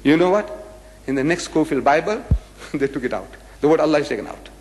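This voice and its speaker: Animated older man lecturing in a hall. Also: fairly high pitch, brisk, soft background music. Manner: lively, emphatic, repeats and mimics quoted phrases. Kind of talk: public religious lecture.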